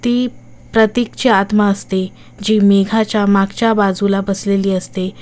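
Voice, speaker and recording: A woman's voice: mid-range voice, level tone, measured pace, a little mellow. A woman narrating a horror audiobook in a dramatic, suspenseful reading style.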